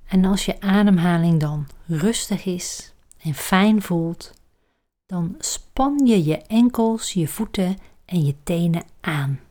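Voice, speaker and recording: A woman guides a relaxation exercise in a slightly low, mellow voice. She takes her time, with very slow phrasing. Her delivery is calm and soft, often fading into a breathy near-whisper.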